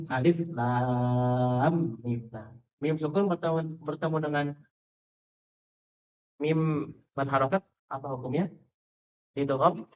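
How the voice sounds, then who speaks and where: Man teaching Quran letter reading. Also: a little high. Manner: asks the class questions, spells out letter names slowly. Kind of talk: teacher training lecture on tajwid. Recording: dull lo-fi lecture recording.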